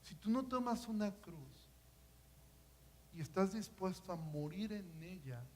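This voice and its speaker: A man preaching a sermon in a high, light voice. He swings between hushed, intimate stretches and loud, climbing passages, pressing the congregation with question after rhetorical question. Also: animated, a little slow, poor audio.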